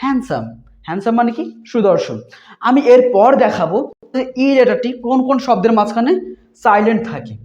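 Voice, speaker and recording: A woman teaching a beginner reading lesson. She spells letters out one by one, repeats words slowly, and asks questions that she answers herself. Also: on the high side, expressive, a little mellow. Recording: dull lo-fi recording.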